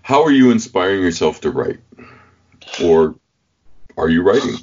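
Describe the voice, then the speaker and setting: A man's voice: deep voice, normal speed, breathy edge, dull audio. A man hosting a podcast, chatting casually and animatedly with his guest. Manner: animated, chatty, laughs easily. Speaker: podcast host. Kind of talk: casual interview chat.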